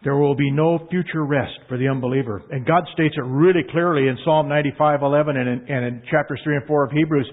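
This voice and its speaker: A man delivers a sermon with earnest emphasis, stretching out the words he wants to land. His voice sits a little high for a man. The sound is thin and tinny, like a phone line. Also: fairly even intonation. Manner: earnest, emphatic, drawn-out stresses. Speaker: pastor.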